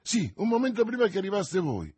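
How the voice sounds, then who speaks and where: A man reading aloud and voicing a frightened young maidservant who pleads anxiously, in a husky voice. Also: high-pitched, wildly swooping pitch, brisk, a little mellow, pitched above the performer's own voice, heavily acted. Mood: fearful.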